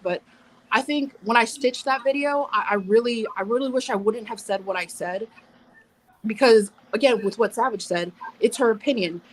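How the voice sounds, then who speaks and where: Here a thirtysomething woman with a mid-range voice joins a casual live panel as a guest. She cuts herself off, swears freely, speaks bluntly, and explains more than she needs to. Slight background noise sits under poor-quality audio.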